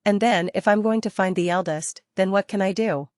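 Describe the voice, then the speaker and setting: Teaching software step by step, this female trainer repeats the important points and poses questions to the people she's teaching. Her voice is mid-range at a normal speed, and the sound is clean, dry studio audio.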